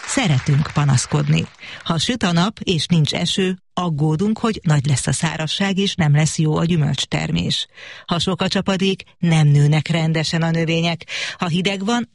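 A man reading a scripted introduction in a measured, wry way. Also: a little high, vocal fry, dry recording, studio quality. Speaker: presenter.

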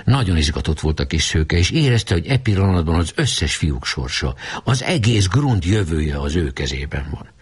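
A man narrating a storybook with an expressive, scripted reading. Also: sits low, hardly any pauses, slightly rough. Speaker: audiobook narrator.

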